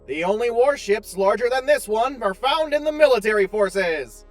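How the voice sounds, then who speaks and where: An actor plays a chipper, oblivious, unfailingly polite tour guide AI in a space audio drama, speaking with cheerful, formal precision in an informative mood. The voice is mid-range, close to an everyday voice, with lively intonation at normal speed. Soft music plays in the background.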